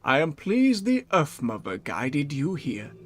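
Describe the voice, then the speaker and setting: A man voicing a solemn, formal tauren spirit walker from a fantasy game, giving a summons in measured words. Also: a little high, wildly swooping pitch, full character voice. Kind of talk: read-aloud video game quest dialogue.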